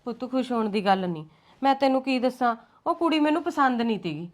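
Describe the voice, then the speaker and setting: A woman's voice: on the high side, lively intonation, fast talker, close to an everyday voice. An actress playing a scheming mother who coaxes and scolds her grown son in a short film drama. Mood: coaxing. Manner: coaxing, then scolding. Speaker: actor.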